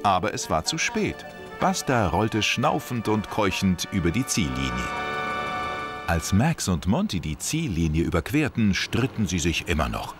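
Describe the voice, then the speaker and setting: A man reading a children's story as scripted narration, in an expressive, sing-song telling. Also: deep voice, normal speed. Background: music.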